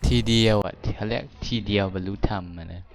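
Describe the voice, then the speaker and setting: A man's voice: fairly low pitch, fairly even intonation, brisk. A young man giving casual, jokey commentary as he plays a video game, talking to himself and swearing now and then. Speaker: gamer. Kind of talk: casual let's-play commentary. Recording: music playing under the voice.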